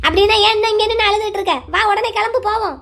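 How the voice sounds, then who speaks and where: A woman's voice: very high-pitched, fairly even intonation, racing, vocal fry, a bit bright, exaggerated voice. Woman doing a bossy old village granny. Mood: scolding. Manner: bossy, scolding, rural Tamil speech. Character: scolding meddling old village grandmother. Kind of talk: cartoon voice acting.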